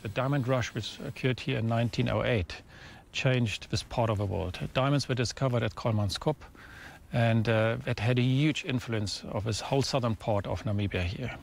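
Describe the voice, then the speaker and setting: A man's voice: mid-range voice, moderate pace, vocal fry. A middle-aged man explaining history in a documentary interview, recorded outdoors. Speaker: foundation chairman, local history expert. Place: outdoors in open desert beside ruins. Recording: outdoor interview with background noise.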